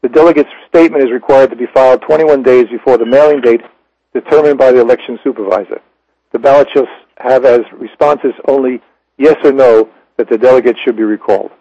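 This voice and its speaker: A man's voice: mid-range voice, no room sound. Man chairing over a breaking-up phone line. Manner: halting, with fillers and restarts. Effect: bad phone connection, breaking up and sounding underwater. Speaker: meeting chair. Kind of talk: reading motions aloud at a meeting.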